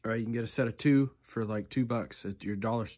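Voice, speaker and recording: A man's voice: on the low side, fast talker. 30s guy casually showing off fishing gear to his phone cam, keeps saying "right?", small room. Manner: relaxed, chatty, peppers lines with "right?" and "okay". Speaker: fishing channel host.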